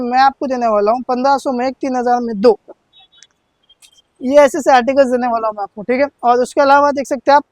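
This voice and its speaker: A man's voice: very high-pitched, a little mellow, no echo. A man selling in an eager teleshopping style, insistent and repetitive, pushing his sale offers as a shop seller.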